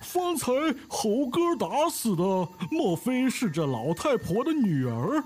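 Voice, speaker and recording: Excitable storybook disciple, a man putting it on; high, very lively, slow. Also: a little hiss or hum, full character voice. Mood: worried muttering. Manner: animated, pleading and worried. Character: pilgrim disciples of a monk, pig and monkey, excitable.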